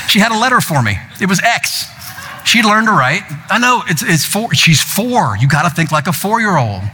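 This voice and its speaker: A man's voice: sits high, very animated, moderate pace, pushed and bright, soft background music. An older man preaching as a pastor, telling a personal story and quoting his family in playful raised voices. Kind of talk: sermon. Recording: long hall reverb.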